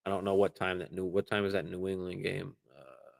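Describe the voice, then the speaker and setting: A man hosting a live fantasy football stream, answering viewer questions in a relaxed, casual way, swearing freely and using lots of fillers and restarts. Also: low voice, a little fast, creaky. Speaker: fantasy football show host.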